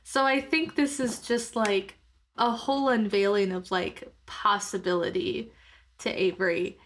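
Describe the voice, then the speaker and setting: At a medium pitch with a steady, fairly bright tone, this woman speaks a little slowly while narrating her roleplaying character's moves. She sounds thoughtful and unsure, feeling around for her words.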